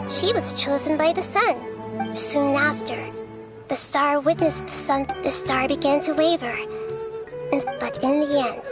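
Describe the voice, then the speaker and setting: A woman voicing a calm, perceptive young woman in a video game, explaining in a measured way. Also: high-pitched. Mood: storytelling.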